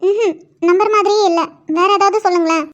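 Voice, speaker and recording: A shy young college girl in a cartoon answers bashfully, sometimes sulky. A woman acts her out. Her voice is very high, with a dull lo-fi sound. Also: steady tone, fast talker, a crowd in the background. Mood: playful.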